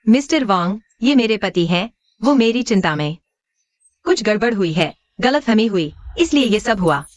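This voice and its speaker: A woman's voice: mid-range voice, lively intonation, normal speed, dry recording, close to an everyday voice. An actress playing a young wife who keeps a secret and pleads with her husband and her boss. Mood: pleading. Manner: placating, pleading. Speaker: wife and employee.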